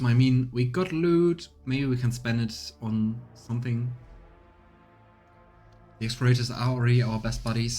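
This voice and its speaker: With video game music in the background, a man offers relaxed let's play commentary, thinking out loud and reading game text while he streams. He has a mellow, mid-range voice.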